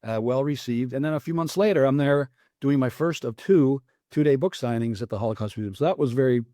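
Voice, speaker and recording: An older man from the United States speaks as an interview guest with an earnest, reflective manner, often pausing and restarting his thoughts. His voice sits at a middle pitch and sounds dry and close, with no room around it. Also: dark tone, no echo. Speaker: author guest. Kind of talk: interview answers.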